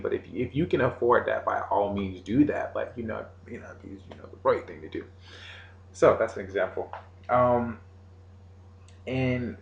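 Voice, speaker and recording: A man giving an informal meditation lesson in casual, halting, unscripted phrasing. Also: fairly low pitch, vocal fry, lo-fi sound. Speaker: meditation teacher. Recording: roomy echo, faint background noise.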